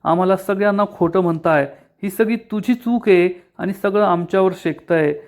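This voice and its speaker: Male narrator reading a scolding, tearful housewife; reproachful, slightly high pitch. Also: fairly even intonation, moderate pace, darkish tone, lightly acted. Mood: angry. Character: Shilpa, angry tearful woman of the house.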